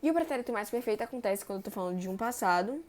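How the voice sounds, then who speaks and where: A young woman, teaching verb tenses in a chatty way and stretching example words slowly. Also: mid-range voice, lively intonation, darkish tone. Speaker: Portuguese grammar teacher. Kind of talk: explaining verb tenses on a board.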